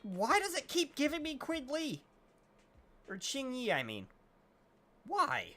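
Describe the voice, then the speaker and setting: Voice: high-pitched, huge pitch swings, slow, a bit bright. A streamer giving casual, wry gameplay commentary and talking back to the game.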